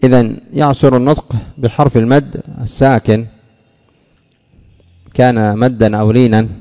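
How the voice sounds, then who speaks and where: A man teaching an Arabic grammar lesson, explaining step by step, asking rhetorical questions and drawling out example words slowly. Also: mid-range voice, steady tone, mellow, long reverb tail. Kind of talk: classroom lecture on grammar.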